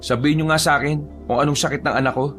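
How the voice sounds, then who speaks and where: A man's voice: a little high, fairly even intonation, very fast, fairly bright tone, faint music behind, voice pushed up, close to an everyday voice. A man voicing a worried young father who speaks anxiously and pleads.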